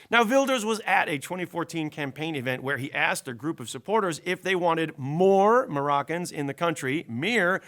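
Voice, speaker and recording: Bright-voiced sardonic male satirist. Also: on the high side. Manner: sardonic, with punchy deadpan punchlines. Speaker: satirical news commentator. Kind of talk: comedy news monologue.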